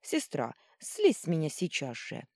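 A woman's voice: low-pitched, wildly swooping pitch, measured pace, darkish tone, no room sound, studio quality, full character voice. A woman voicing a stern, formal older female gnome warrior who grumbles in an audiobook. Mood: grumbling. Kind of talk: audiobook reading.

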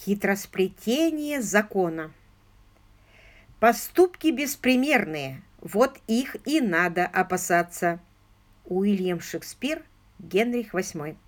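A woman's voice: mid-range voice, animated, slow. Woman narrating an audiobook evenly. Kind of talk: scripted narration of a detective novel.

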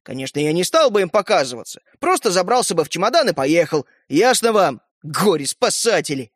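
A man's voice: sits high, very animated, a little fast, no room sound, studio quality. Man doing tiny grumpy thumb-sized boy hero. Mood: grumbling. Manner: snappy, indignant, boastful.

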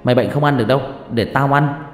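A man voicing a rough young male friend who scolds and teases in crude banter in a storybook. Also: medium pitch, fast talker, lightly acted. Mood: teasing. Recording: echoey room with long reverb and faint music.

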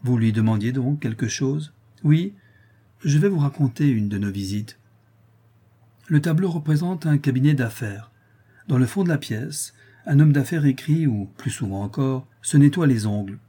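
A man's voice: medium pitch, animated, normal speed, warm tone, husky. A man reading a novel aloud as an audiobook narrator, lifting his voice slightly for the characters' lines. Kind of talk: scripted narration.

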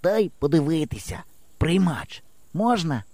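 A husky, awkward village boy from an audiobook, voiced by a man. He asks blunt, fussy questions in a raised voice with an earnest edge. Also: fairly high pitch, very animated, measured pace, darkish tone, no room sound, pitched above the performer's own voice, full character voice. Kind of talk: audiobook character voice.

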